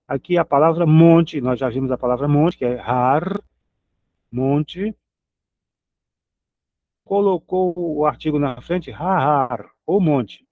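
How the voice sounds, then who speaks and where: Man teaching a grammar lesson, slow patient delivery, slightly high voice, dry dull lo-fi sound. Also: dry recording. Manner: patient, repeats each example word slowly. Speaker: Hebrew teacher.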